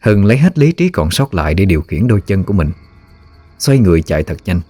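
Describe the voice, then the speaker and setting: A man narrating a ghost story in a steady, measured way. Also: sits low, breathy edge, dry recording, soft background music.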